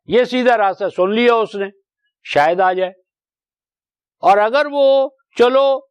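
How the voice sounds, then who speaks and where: Older man giving a high-pitched Quran lecture. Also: no echo. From Pakistan. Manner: explains word by word, with many rhetorical questions; slow, drawn-out recitation of verses. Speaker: Quran teacher.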